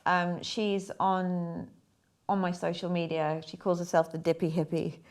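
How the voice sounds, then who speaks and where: A young woman, chatting casually and a bit haltingly about her paintings. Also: fairly low pitch, flat delivery. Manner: chatty, rambling, hesitant with fillers. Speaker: artist talking through her paintings. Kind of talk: casual chat.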